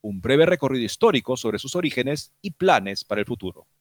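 Measured male news commentary reader. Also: mid-range voice, lively intonation, dry recording, studio quality. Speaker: program host.

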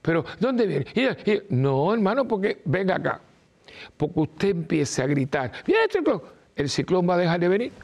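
Gravelly priest preaching. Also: male voice, sits high, expressive, moderate pace, a little mellow, dull audio. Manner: emphatic, repeats short no's, acts out quoted voices. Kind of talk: informal preaching talk.

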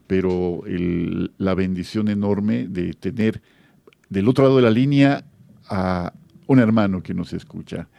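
A Mexican man hosts a live call-in radio show in a low, gravelly voice. His tone is mellow and pastoral, full of fillers. The studio sound is dry and close. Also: unhurried, no echo. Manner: warm pastoral tone, frequent fillers. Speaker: radio host.

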